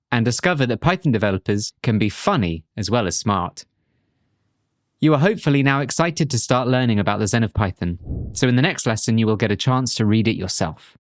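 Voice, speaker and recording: A man's voice: lowish voice, animated, brisk, no echo. Man narrating a coding lesson, dry sound. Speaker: course instructor. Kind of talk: scripted tutorial narration.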